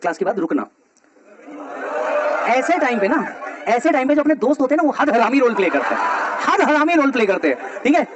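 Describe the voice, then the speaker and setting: High-pitched, fast, animated male storyteller. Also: dull audio, crowd noise. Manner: animated, slangy, laughs often. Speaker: teacher. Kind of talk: personal storytelling to students.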